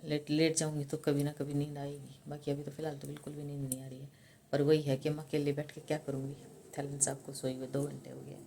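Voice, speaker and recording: Older lady vlogging at home late at night, talking low and soft so she doesn't wake her husband, deep mellow voice, bit of hiss. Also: flat delivery, vocal fry. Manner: speaks softly and slowly so her sleeping husband is not woken. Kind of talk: casual vlog chat.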